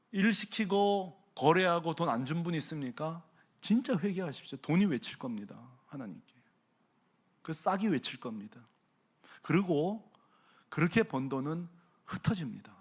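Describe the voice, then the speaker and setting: Male pastor, preaching; animated delivery, lively pitch, asks the congregation questions. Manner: animated preaching, swings from hushed to loud exclaiming. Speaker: senior pastor. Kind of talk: sermon.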